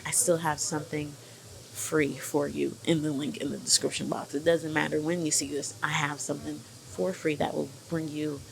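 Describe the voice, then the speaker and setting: A woman's voice: low voice, creaky. A young woman from Boston and Brooklyn talking casually to camera about her business, upbeat and chatty with lots of fillers. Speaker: vlogger and branding agency owner. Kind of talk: casual direct-to-camera vlog. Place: visiting hometown, background chatter. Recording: noisy audio with crowd chatter behind.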